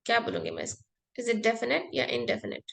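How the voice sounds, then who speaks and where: A woman's voice: a little high, huge pitch swings, brisk, vocal fry. A woman teaching an Arabic grammar class, explaining patiently step by step and mixing in English words. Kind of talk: online class lesson.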